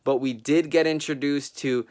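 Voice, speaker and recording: A man's voice: on the high side, steady tone, moderate pace, a little mellow. A man hosting a casual review of a TV show, talking enthusiastically with lots of ums and uhs. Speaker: TV review host.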